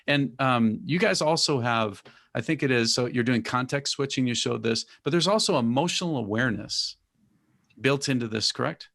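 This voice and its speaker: A man's voice: medium pitch, moderate pace, creaky, fairly bright tone. A man hosting a fireside chat, who sums up the guest's points with enthusiasm and prompts with questions. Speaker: host.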